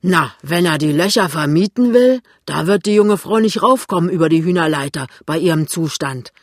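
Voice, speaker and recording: Loud grumbly fat shop guy, reader putting him on, dry close sound. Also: medium pitch, expressive, moderate pace, no echo. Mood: grumbling, blustering. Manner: loud, blustering. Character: gruff fat male shopkeeper, grumbling doubter. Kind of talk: audiobook reading.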